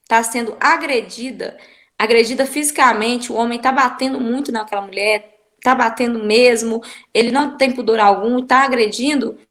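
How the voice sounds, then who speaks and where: A woman's voice: a little high, a bit bright. A woman, a guest speaker giving earnest, instructive advice straight to the listener. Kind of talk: explanatory talk giving advice.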